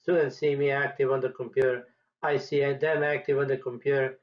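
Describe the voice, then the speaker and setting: This is a man, talking through his teaching approach as a statistics professor. He speaks in a measured, deliberate way and pauses between his points. His voice sits at an average pitch, and the recording has a slightly dull, muffled, lo-fi sound. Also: level tone. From Serbia.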